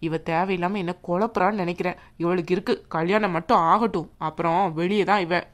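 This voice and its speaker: A woman voicing a proud, scheming young bride in a cartoon, sharp-tongued and snippy. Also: fairly low pitch, steady tone, fairly quick, close to an everyday voice. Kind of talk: cartoon voice acting.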